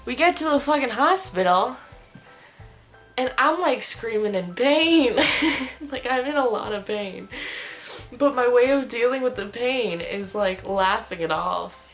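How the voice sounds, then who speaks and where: A young woman vlogging, telling a story in a casual, animated way and laughing often as she talks. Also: on the high side, a little slow, soft background music.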